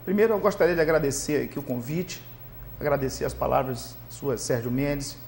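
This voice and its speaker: A man from Salvador, a singer guest on a TV interview show, speaking gratefully and modestly in relaxed chat. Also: mid-range voice, a little fast, vocal fry, slight background noise. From Salvador, Bahia, Brazil. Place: local TV studio.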